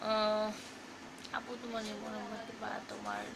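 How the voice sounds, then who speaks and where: A woman's voice: medium pitch, very animated, moderate pace, noisy background. A woman hosting a casual live stream, reading fan comments aloud in a chatty, teasing way and singing snatches of song. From Bangladesh.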